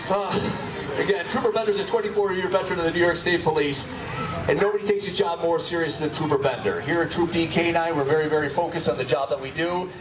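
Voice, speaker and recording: A man's voice: on the high side, quick pace. A man announcing a live police dog demonstration with playful, showman-like commentary. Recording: distant echoey PA, loud crowd noise.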